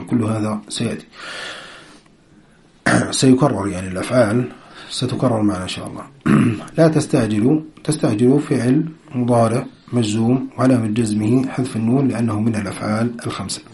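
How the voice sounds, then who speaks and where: Male grammar teacher, mid-pitched, dark warm voice, quizzes and answers himself, frequent throat-clearing. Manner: asks and answers his own questions, repeats key terms. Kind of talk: explanatory lesson with quiz questions.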